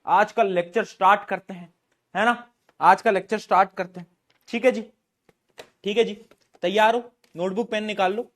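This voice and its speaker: A young man teaching science in a live online class. His voice sits high for a man. He teases and jokes with his students as he talks to them directly. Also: fairly bright tone. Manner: playful, teasing, talks straight to students.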